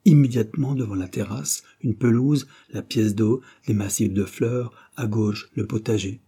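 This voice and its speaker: Mellow, husky male audiobook narrator. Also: on the low side, moderate pace. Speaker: audiobook reader. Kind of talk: scripted literary narration.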